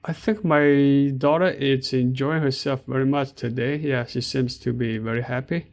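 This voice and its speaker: A middle-aged Chinese man, speaking with a Chinese accent, works as a vlogger and narrates a walk through an outdoor park. His speech is slow and halting, full of fillers, with a medium pitch, a steady tone and a slightly mellow quality.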